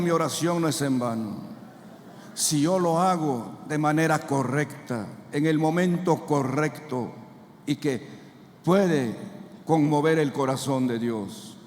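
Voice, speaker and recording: High-voiced man preaching in a reverberant church. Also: a little mellow, slight background noise. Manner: fervent preaching with call-and-response to the congregation. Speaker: pastor. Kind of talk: sermon. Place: church sanctuary. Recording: long reverb of a church hall.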